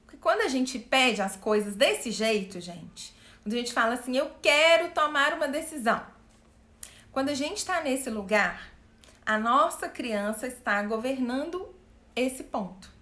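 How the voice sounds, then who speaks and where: A woman coach speaking live to her viewers, animated, asking them questions and acting out what people say. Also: on the high side, measured pace, roomy sound. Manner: animated, asks the audience questions, acts out quotes. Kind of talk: live-stream talk to viewers.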